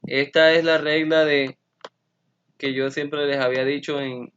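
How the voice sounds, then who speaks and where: A man's voice: on the high side, level tone, measured pace, fairly bright tone, slight background noise. A male English teacher explaining grammar to his students, switching between Spanish and English and spelling out each example step by step. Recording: dull lo-fi sound.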